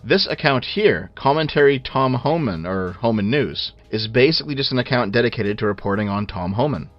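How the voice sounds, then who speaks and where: Man commentating over muffled, low-sample-rate audio. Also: lively intonation, a little fast, soft background music. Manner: blunt, sweary, sardonic. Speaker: video commentator. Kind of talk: casual scripted commentary.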